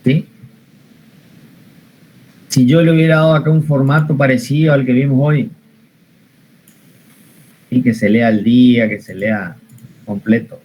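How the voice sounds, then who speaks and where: A man's voice: mid-range voice, steady tone, measured pace, long pauses, a little mellow, husky, rough recording. A man teaching an online spreadsheet class, patient, repeating each step and asking the class questions. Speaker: computer science teacher.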